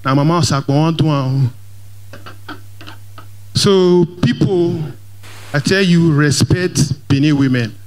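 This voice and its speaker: On the stage of a large church hall, a lively young man with a Nigerian Pidgin accent and a slightly high voice does stand-up comedy. He takes it slowly with frequent pauses, mixing Pidgin and English as he speaks directly to the crowd through a handheld mic.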